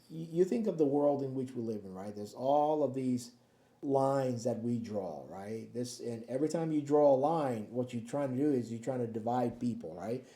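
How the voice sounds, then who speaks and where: A man's voice: medium pitch, dark tone. A man, a pastor, giving a daily devotional Bible talk to the camera, chatty and often checking in with his listeners. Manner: conversational, keeps checking in with "okay?" and "right?". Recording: echoey room.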